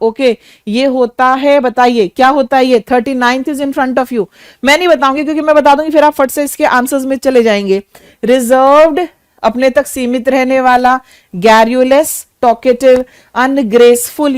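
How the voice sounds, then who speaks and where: A woman's voice: high-pitched, smooth, no echo, clean studio sound. A woman with an Indian accent teaching English vocabulary for an exam, explaining meanings and spelling words out letter by letter. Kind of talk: exam-prep lesson.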